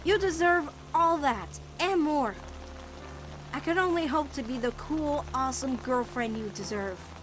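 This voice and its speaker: Woman as Luz, an earnest high-voiced teenage girl. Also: slight background noise. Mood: earnest, confessing. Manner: halting, nervous, heartfelt. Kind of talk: animated-series comic dub acting.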